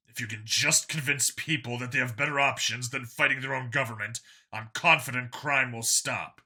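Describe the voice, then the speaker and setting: In a science fiction audiobook, a man voices a blunt, sardonic human policeman stranded among aliens. His medium-pitched delivery is bright, forceful, insistent, and plain-spoken.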